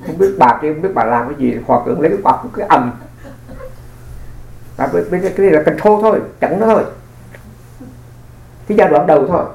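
A man's voice: fairly high pitch, fast, creaky, darkish tone. A man, a Buddhist monk giving a dharma talk and answering questions. He explains with rhetorical asides and drops in English words. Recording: echoey room recording.

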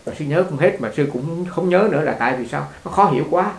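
A man's voice: a little high, expressive, fast. A man teaching as a Buddhist teacher in a conversational dharma talk, repeating words and laughing along with his listeners. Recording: echoey room.

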